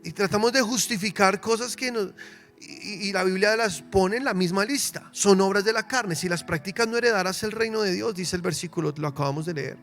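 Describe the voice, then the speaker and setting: A man's voice: high-pitched, fairly quick, fairly bright tone, faint music behind. A Colombian man preaching a sermon as pastor, emphatic, acting out the excuses of his congregants.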